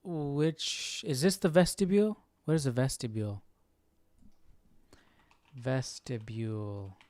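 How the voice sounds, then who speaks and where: Through a close handheld or desk microphone and headphones, a young Bible study livestream host speaks slowly in a darkish, mid-range voice with no echo. He keeps it casual, thinking aloud and repeating phrases along the way.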